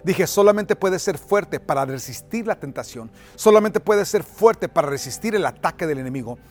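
A male pastor delivering an emphatic sermon in a fairly high voice. He calls the congregation to repeat his words and builds to loud, forceful climaxes. Faint music plays under his preaching. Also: lively intonation, normal speed.

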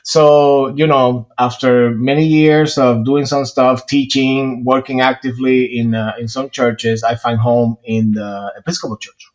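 A man's voice: mid-range voice, flat delivery, unhurried, few pauses, muffled recording. A man with a Puerto Rican Spanish accent, a priest talking earnestly in a casual interview, with many fillers and restarts. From Puerto Rico.

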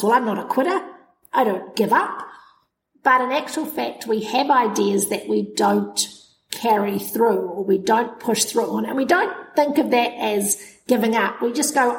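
Tinny, hollow-sounding woman with a creaky voice. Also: fairly high pitch. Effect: tinny, hollow sound like a tin can. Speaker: podcast co-host. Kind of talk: casual chat. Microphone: laptop microphone, mouth close to it. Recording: tinny laptop microphone with clear noise.

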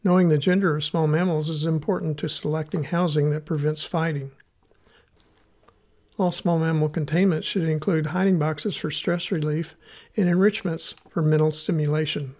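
A man with a Missouri accent hosts an educational podcast, reading scripted material in a measured, instructional way. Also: fairly high pitch, steady tone, darkish tone. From United States, Missouri. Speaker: podcast host.

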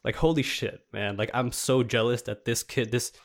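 A man's voice: mid-range voice, steady tone, moderate pace. A man in his twenties talking in a casual, reflective, rambling way, full of "like" fillers. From New York, USA. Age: 20s. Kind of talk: casual chat.

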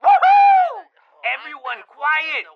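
A woman's voice: very high-pitched, slow, muffled recording, heavily acted. A woman playing a whooping party guest over the phone. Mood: rowdy. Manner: loud, excited, whooping. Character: rowdy woman shouting at a party. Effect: heard over the phone at a noisy party.

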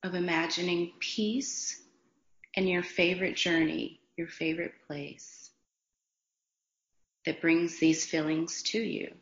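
A woman guiding a meditation in a slow, soothing, unhurried way with long pauses. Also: lowish voice, little pitch movement. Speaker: meditation guide. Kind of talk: guided meditation. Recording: roomy, dull lo-fi sound.

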